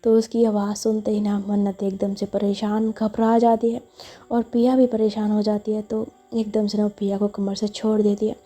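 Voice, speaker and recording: A woman's voice: medium pitch, completely flat delivery, moderate pace, mellow. A woman casually narrating a romance story and speaking the characters' lines herself. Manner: chatty, voicing characters' lines in turn.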